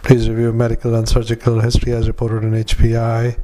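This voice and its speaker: Man, average pitch, monotone, doctor's dictation, hesitant, halting phrases, matter-of-fact. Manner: halting, hesitant, with frequent long pauses. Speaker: doctor dictating a psychiatric evaluation. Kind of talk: medical dictation with spoken formatting cues.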